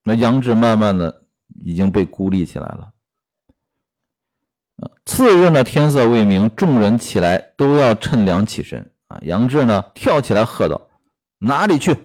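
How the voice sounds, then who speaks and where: A man with a lowish voice tells an old tale, his pitch rising and falling a lot. He breaks off to comment, tossing in fillers and questions to his listeners. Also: normal speed. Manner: lively, frequent "啊" fillers, rhetorical questions. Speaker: storyteller and commentator. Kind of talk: storytelling with workplace commentary.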